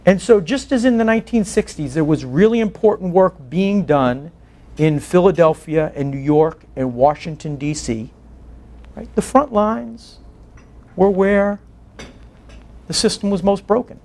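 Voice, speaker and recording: With a high-sitting voice, some vocal fry, and a slightly mellow quality, a guest lecturer in his forties speaks at a measured pace. As a public defense advocate addressing a faculty colloquium with questions in an indoor meeting room, he is earnest and emphatic, tagging points with "right?".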